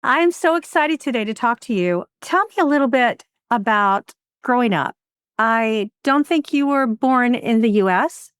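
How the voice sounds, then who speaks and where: A woman hosting an interview podcast, enthusiastic and quick to laugh, reading a guest introduction and asking questions. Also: on the high side, expressive, smooth, no room sound, studio quality. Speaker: podcast host.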